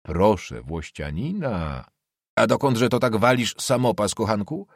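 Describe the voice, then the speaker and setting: A man doing a hoarse, commanding nobleman. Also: on the low side, expressive, measured pace, no room sound, studio quality, full character voice. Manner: hoarse, commanding, mocking questions. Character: haughty young mustached nobleman, commanding.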